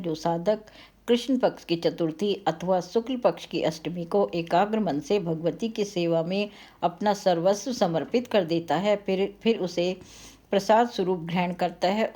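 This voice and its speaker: A woman reciting devotional scripture in a slow, solemn, invocatory way, with repeated refrains and occasional self-corrections. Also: fairly low pitch, dark tone.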